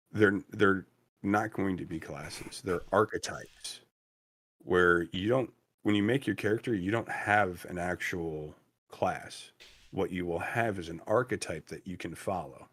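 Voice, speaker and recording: A man with a very deep voice chats about game design. He is emphatic and hammers key words through repetition. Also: fairly bright tone. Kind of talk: casual chat.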